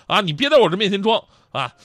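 A man doing a scornful gruff stranger. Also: sits high, big pitch swings, fast talker, a bit bright, no echo, pitched above the performer's own voice, full character voice. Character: gruff skeptical male stranger quizzing.

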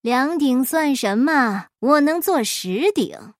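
A woman voicing a clever, mischievous folk hero who teases in a calm, sly way in a storybook reading. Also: sits high, slow, dry recording, studio quality. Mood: sly teasing.

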